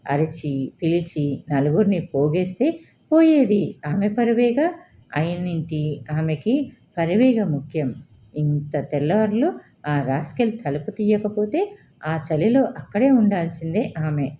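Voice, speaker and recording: A woman narrating a story as an audiobook reader, in a calm, measured way. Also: lowish voice. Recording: dull lo-fi with faint hiss.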